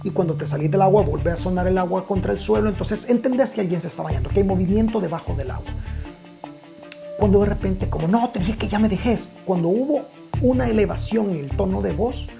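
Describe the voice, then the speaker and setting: A man's voice: sits high, brisk, creaky, over music. A man with a Guatemalan Spanish accent telling a personal story in a casual, conversational way to returning listeners, with many fillers and restarts. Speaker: storyteller host.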